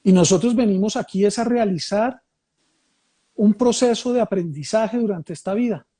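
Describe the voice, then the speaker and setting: A man's voice: sits high, normal speed, warm tone, breathy edge. A man, born in Mexico and raised in Colombia, thoughtfully explaining ideas in a conversation, often rephrasing and repeating phrases. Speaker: speaker leading a reflective conversation.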